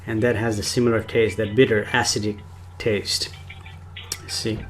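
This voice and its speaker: A man's voice: on the low side, flat delivery, moderate pace, noisy background. Rambling man. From Nepal. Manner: rambling, talks of himself in the third person. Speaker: spiritual teacher. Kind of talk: casual livestream talk.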